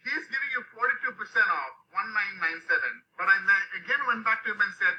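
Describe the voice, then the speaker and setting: A man from Sri Lanka who grew up in India hosts a live online session, pitching a course to viewers in an upbeat, pushy way, tagging his sentences with "okay?" and "right?". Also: expressive, fast talker, pushed and bright, a little hiss or hum. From Sri Lanka, raised in India. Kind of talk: live webinar sales pitch. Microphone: video call microphone. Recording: dull lo-fi video call audio.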